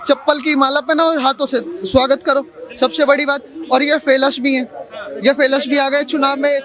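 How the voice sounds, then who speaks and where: A man's voice: very high-pitched, little pitch movement, moderate pace. A man giving heated, emphatic opinions in a street debate. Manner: forceful and emphatic. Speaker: street interviewee. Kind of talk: heated political argument.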